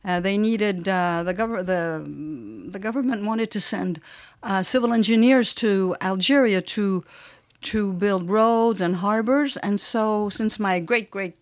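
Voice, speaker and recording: A woman's voice: medium pitch, dry recording, clean studio sound. An older woman from Tunisia, a radio interview guest, recounting her family history in a thoughtful, hesitant way. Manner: thoughtful, hesitant storytelling with pauses.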